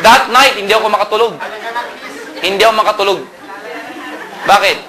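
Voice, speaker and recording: A man's voice: high voice, brisk, crowd noise. A man in his thirties from Pangasinan in the Philippines, a company co-owner giving a humorous sales talk and firing rhetorical questions at his audience. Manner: animated joking storyteller, fires rhetorical questions at the audience.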